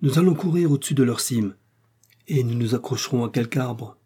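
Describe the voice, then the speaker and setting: A man's voice: mid-range voice, a little fast, dark tone, husky, natural voice. A man reading an audiobook, voicing a resolute male explorer and scientist with a commanding, urgent manner.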